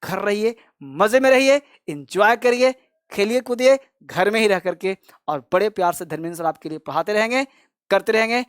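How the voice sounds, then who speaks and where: A man's voice: high-pitched, lively intonation, moderate pace, clean tone, no room sound, clean studio sound. A male English teacher explaining a lesson, who repeats each rule over and over and fondly addresses his viewers as friends and kids.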